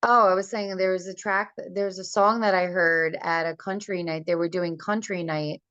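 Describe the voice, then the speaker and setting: Woman on a lo-fi conference call, low voice. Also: fairly even intonation, moderate pace, fairly bright tone, no room sound. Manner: chatty, loose, many fillers. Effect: heard over a conference call, audio breaking up. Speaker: singer and interview guest. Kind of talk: casual remote interview. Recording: dull lo-fi call audio, dry.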